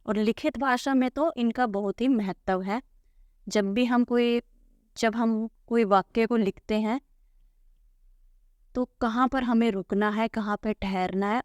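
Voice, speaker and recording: Woman teacher explaining a hindi lesson, smooth clear voice, dry close sound. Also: mid-range voice, unhurried, darkish tone, dry recording. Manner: patient, repeats "ठीक है" often. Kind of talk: explaining textbook answers.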